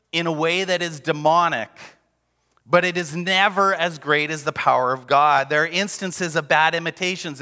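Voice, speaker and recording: Man, pastor, sermon, emphatic repeated refrains, bright tone, echoing hall. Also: on the high side.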